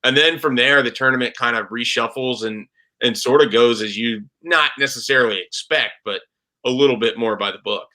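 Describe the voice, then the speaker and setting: A man's voice: mid-range voice, fairly quick, sharp tone. A man talking as a sports reporter guest on a casual podcast, chatty and rambling with lots of "like" fillers.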